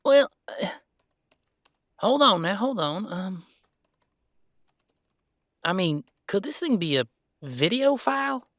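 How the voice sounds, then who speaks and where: A man voicing a chatty, folksy, excitable underground computer technician in an audio role-play, rambling along in an animated way. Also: high voice, slow pace, pauses often, no room sound, studio quality, heavily acted. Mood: curious, helpful.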